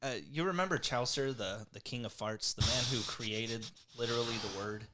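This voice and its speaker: A man's voice: medium pitch, normal speed, background noise. A man hosting a podcast with wry, joking, profane casual banter, recorded in an echoey emptied room that sounds like a cave. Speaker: podcast host. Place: emptied room at home, packed boxes.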